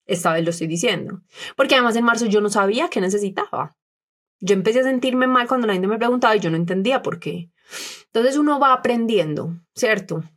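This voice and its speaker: A woman's voice: a little high, quick pace. Earnest young woman. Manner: earnest, animated quoting of others. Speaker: podcast co-host. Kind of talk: candid personal talk.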